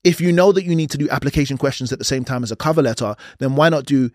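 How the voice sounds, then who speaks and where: A man's voice: medium pitch, racing, darkish tone, dry recording, clean studio sound. A man hosting a casual solo podcast, rambling and self-deprecating, often laughing at himself. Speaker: podcast host.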